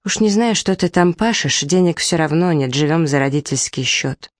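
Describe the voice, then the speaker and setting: A woman's voice: low-pitched, lively intonation, normal speed, no echo. A woman reading the lines of a quarrelsome, sarcastic young wife aloud from a story, in a dry room. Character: sharp-tongued young wife, twenty-seven.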